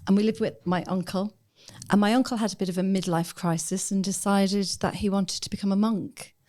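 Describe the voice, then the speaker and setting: A woman's voice: mid-range voice, fairly even intonation, brisk, warm tone. A woman, a podcast guest telling her life story in an open, reflective way. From Ireland. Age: 50s. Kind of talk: casual chat.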